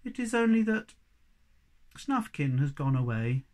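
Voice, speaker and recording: A reader voicing a small gentle young male troll who speaks softly and muses, sometimes in a whisper. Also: mid-range voice, very animated, measured pace. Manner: soft, musing, sometimes whispering.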